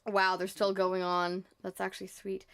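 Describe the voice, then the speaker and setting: A woman streamer chatting casually, rambling and stuttering nervously through an animated rant. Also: medium pitch, moderate pace, clear, resonant tone.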